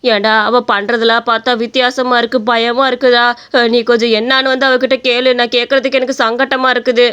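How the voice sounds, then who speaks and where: A woman's voice: on the high side, level tone, quick pace, fairly bright tone, clear, resonant tone, muffled recording, close to an everyday voice. A woman voicing an older mother-in-law who frets and fusses over her daughter-in-law. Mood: worried. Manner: fretful, fussing. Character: worried older mother-in-law, fretful and caring.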